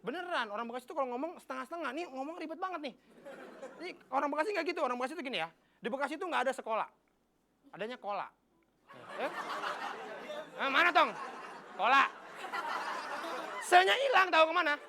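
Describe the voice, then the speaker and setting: A young man works the stage in a stand-up set, his voice pitched very high. He talks loud and slangy, teasing as he goes. A live audience fills the space behind him. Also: expressive, fast, pauses often, crowd noise, background noise. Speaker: stand-up comedian. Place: stage before a studio audience. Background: audience laughter.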